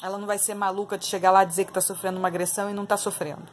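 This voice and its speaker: Here the same kind of speaker, a Brazilian online political commentator, talks rapid-fire in a flat, mid-range voice over a faint hiss or hum. Her Brazilian Portuguese accent comes through as she addresses viewers casually and emphatically, repeating phrases for emphasis.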